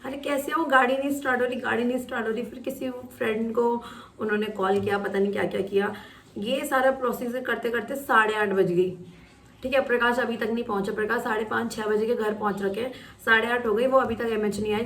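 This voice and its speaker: Young woman vlogger, casual storytelling, animated, higher voice, a bit off-mic. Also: distant mic. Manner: animated, acts out quotes and shouts in retelling. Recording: roomy echo, voice off-mic.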